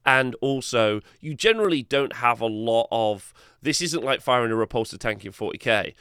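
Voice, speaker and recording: A man's voice: medium pitch, lively intonation, moderate pace, a bit bright, clean tone, no echo, studio quality. A man co-hosting a casual tabletop gaming podcast, reading rules aloud and talking hesitantly with many fillers. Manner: hesitant, filler-heavy, laughs easily. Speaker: co-host.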